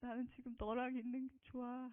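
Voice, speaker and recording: A woman voicing a gentle, apologetic, fatherly male Jesus in a soft, quiet tone. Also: high-pitched, steady tone, slow, no room sound. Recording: tinny phone-like dry sound.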